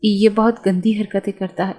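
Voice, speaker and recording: A woman's voice: mid-range voice, flat delivery, warm tone, lightly acted. A woman voicing a childish, easily frightened young bride in a read-aloud romance novel, speaking in a whiny, pleading way. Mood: tearful.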